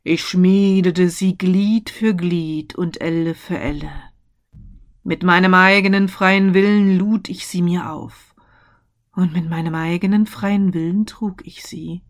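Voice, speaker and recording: A woman voicing the mournful ghost of a dead businessman, speaking solemn, slow warnings. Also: fairly low pitch, steady tone.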